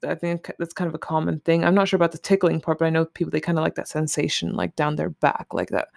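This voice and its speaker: In a candid solo podcast, the host works through a list in loose, rambling talk with occasional swearing. The voice is gravelly and medium-pitched, with a level tone and a quick pace, and the studio-quality audio carries no echo.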